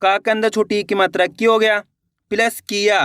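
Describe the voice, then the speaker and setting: Man, high voice, patient Hindi reading teacher, slow syllable-by-syllable lesson, repeats and quizzes, dry close recording. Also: little pitch movement, a bit bright, clean tone, no echo. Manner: patient, repeats words and asks questions back.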